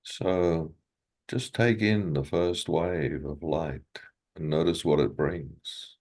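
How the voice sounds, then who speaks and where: Gentle and unhurried, a deep-voiced man guides a meditation with fairly even intonation. He speaks in brief phrases and lets long pauses fall between them.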